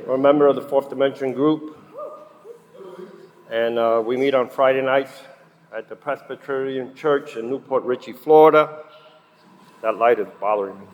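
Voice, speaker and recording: A man's voice: mid-range voice, moderate pace, pauses often, lo-fi sound. Middle-aged man speaking in a reverberant hall. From Puerto Rico, raised in New Jersey. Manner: candid, conversational, with frequent fillers. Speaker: guest speaker at a recovery meeting. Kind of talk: personal recovery testimony. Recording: long reverb in a hall, faint noise.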